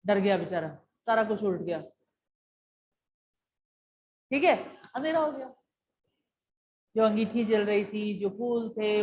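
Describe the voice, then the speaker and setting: A woman teacher explaining a poem to her class, patiently repeating key points and asking questions that she then answers herself. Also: medium pitch. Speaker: school teacher.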